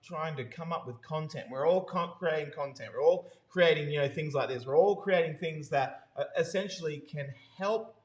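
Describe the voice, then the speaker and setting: A man's voice: a little high, moderate pace, hardly any pauses. A man co-hosting a casual marketing chat, talking enthusiastically with lots of "you know" and restarts. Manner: enthusiastic, full of fillers and restarts. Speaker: co-host. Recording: roomy echo.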